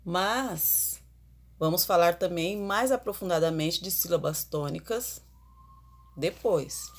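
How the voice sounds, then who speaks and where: A woman teacher giving an online grammar lesson, explaining slowly and putting questions to the class. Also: fairly low pitch.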